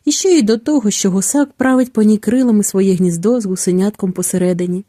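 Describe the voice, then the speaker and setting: A woman narrating a children's story in a calm, measured storytelling manner. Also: mid-range voice, no echo, clean studio sound. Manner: calm, measured storytelling with falling phrase endings.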